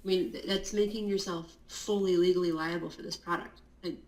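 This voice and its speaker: A woman's voice: on the low side, steady tone, brisk, darkish tone. Fields: Woman, guest, roomy-sounding call. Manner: chatty and explanatory, with many fillers and laughs. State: just woken, morning voice. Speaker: guest, Amazon compliance consultant. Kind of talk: casual interview talk. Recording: roomy echo.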